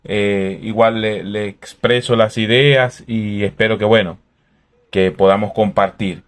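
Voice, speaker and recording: A man from Venezuela, hosting a calm, thoughtful faith talk in a conversational way. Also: on the low side, measured pace.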